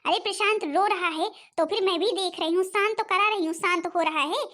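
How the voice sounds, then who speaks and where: A woman's voice: very high voice, a little fast, pushed and bright. A woman voicing a stingy, bossy young stepmother who scolds and complains in a cartoon. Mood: scolding. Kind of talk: cartoon voice acting.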